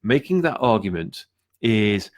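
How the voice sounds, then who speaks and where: A man's voice: on the low side, big pitch swings, measured pace. A middle-aged man giving sales advice straight to camera, talking candidly and bluntly and swearing now and then. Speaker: sales and marketing coach. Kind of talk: direct-to-camera business advice video.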